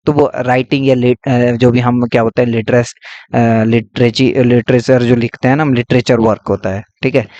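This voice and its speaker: A man's voice: medium pitch, a little mellow, no room sound. A man teaching English grammar, explaining patiently and repeating key points with frequent checks. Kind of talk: classroom-style lesson.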